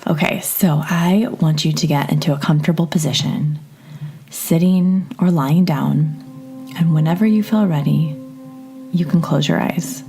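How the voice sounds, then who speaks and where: A woman leads a calm grounding exercise in a low, mellow voice. She sounds soothing and gentle, like a therapist guiding relaxation, with faint music underneath. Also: a little slow. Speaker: podcast host and therapist.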